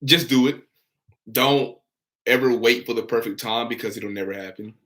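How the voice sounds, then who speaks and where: On a laid-back livestream, a young man who works as an insurance broker takes viewer comments, reads them aloud and responds with upbeat encouragement. He speaks at medium pitch and a moderate pace, with a fairly bright tone.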